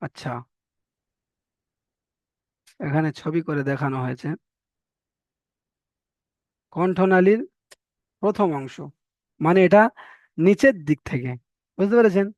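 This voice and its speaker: A male Quran teacher in an online lesson, patiently explaining pronunciation and repeating each sound slowly. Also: sits high, darkish tone, dry recording, highs cut off.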